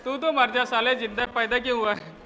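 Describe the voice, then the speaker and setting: High-pitched man scolding a classroom. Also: fairly even intonation, fairly quick, sharp tone. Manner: scolds and teases students in crude slang. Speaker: physics teacher. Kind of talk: rowdy classroom teaching. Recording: lo-fi classroom recording in a reverberant room.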